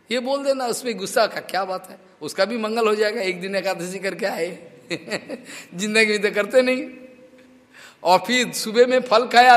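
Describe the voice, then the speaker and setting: A man's voice: high-pitched, fairly bright tone, long reverb tail. A man giving a devotional scripture discourse, telling stories in a chatty way with laughs. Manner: chatty storytelling with laughs and acted quotes. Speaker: preacher.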